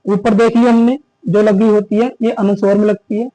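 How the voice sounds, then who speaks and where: A male teacher giving an exam-prep grammar lesson, asking questions back to the students and slowing down to stress key terms. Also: high-pitched, flat delivery, mellow, low-quality recording.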